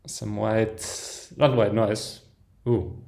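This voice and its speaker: A gravelly, fairly low-voiced man reacts to an album in real time, speaking very slowly with fairly even intonation. As a music reaction host he's enthusiastic, dropping soft "ooh"s and chuckles and repeatedly cutting off and restarting his sentences.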